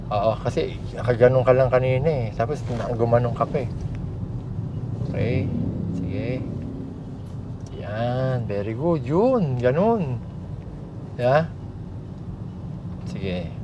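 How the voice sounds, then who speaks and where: Filipino driving instructor over loud engine noise. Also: male voice, mid-range voice, animated, slow pace, pauses often. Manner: frequent short commands and tag questions. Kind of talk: hands-on coaching, casual instruction. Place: inside a moving car on the road. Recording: muffled audio with loud car engine noise. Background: engine and vehicle noise.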